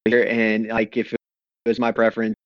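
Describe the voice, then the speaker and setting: Male panelist on a breaking-up remote call, dull and dry audio, halting delivery. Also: on the low side, monotone, dry recording. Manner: rambling, halting, restarting sentences. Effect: breaking-up internet call audio, dropping words. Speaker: podcast panelist. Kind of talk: casual movie discussion. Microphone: remote internet call.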